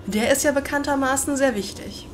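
A woman's voice: high voice, brisk, background noise. A woman game streamer chatting casually while she plays live. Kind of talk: casual live gameplay chat. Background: game music.

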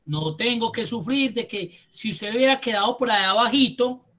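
A man's voice: extremely high pitch, animated, bright, forceful tone. Man, spreadsheet instructor, live class, patient, step-by-step, thinking aloud. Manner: patient, step-by-step, addresses students with "usted"; thinks aloud, with restarts and drawn-out words. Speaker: Excel instructor. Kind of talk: live online class walkthrough.

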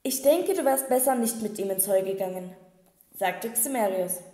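A woman's voice: mid-range voice, animated, moderate pace, dark tone, close to an everyday voice. A woman voicing a cheeky little male gargoyle demon in an audiobook, talking in a mocking, gossipy way. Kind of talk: audiobook reading. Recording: echoey room with long reverb.

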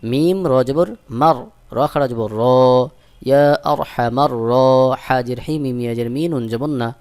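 Male religious teacher, Bangladeshi Bengali accent, clear resonant tone, brisk spelling with slow sung words. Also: mid-range voice, darkish tone. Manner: slow drawn-out chanting of each joined word after brisk spelling. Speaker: Quran recitation teacher. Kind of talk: spelling out Arabic letter by letter for learners.

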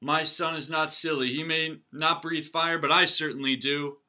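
A man voicing a proud, boastful father dragon, loud and emphatic. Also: on the high side, fairly even intonation, normal speed, voice pushed up.

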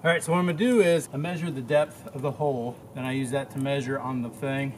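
A man's voice: mid-range voice, fast, a little hiss or hum. A man in his thirties narrating casually to the camera as he works on a craft project outdoors in the woods, talking half to himself. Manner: relaxed, talks to himself while crafting. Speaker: bushcraft vlogger. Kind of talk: casual narration while working.

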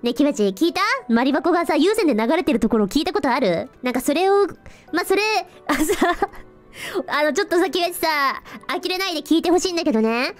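A woman's voice: sits high, fast, faint music behind. A woman streamer chatting casually, telling an embarrassed story with giggles, calling herself the captain. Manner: animated, giggly, self-deprecating storytelling; refers to herself in third person as captain. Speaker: virtual streamer. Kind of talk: casual livestream chat.

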